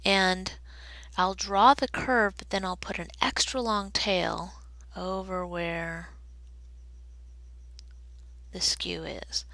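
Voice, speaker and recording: Slow, gravelly woman teaching statistics. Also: on the low side, fairly even intonation, pushed and bright, no room sound, low-quality recording. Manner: slow, deliberate explaining while drawing on a graph. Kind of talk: recorded statistics lecture.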